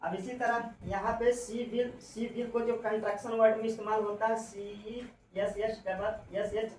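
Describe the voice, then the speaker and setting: Lady teaching english contractions, spells letters slow, echoey room, kinda far from the mic. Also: on the high side, little pitch movement, darkish tone, slight background noise. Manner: explains slowly, spells out letters, repeats "ठीक है". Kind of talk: classroom lesson on English contractions.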